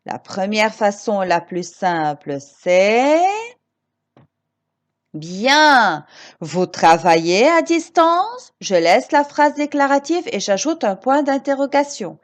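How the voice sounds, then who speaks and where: A woman teaching grammar to children, slow and emphatic, repeating each example and encouraging her pupils with questions. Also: mid-range voice, animated. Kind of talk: recorded grammar lesson for children.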